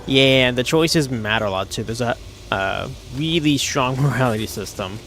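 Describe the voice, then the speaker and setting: A man's voice: mid-range voice, moderate pace, fairly bright tone, slight background noise. A man giving casual live commentary as he streams a video game.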